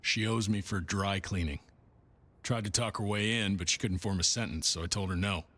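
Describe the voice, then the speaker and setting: A jaded security doorman in a video game. He is dry and sarcastic in a lowish voice, with long reverb trailing it. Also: normal speed, a bit bright.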